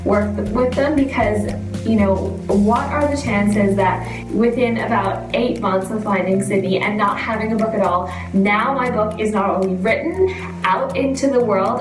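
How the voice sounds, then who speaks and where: A woman's voice: mid-range voice, echoey room, recorded from a distance, rough recording. A woman giving a bubbly, chatty testimonial about her book. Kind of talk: enthusiastic testimonial.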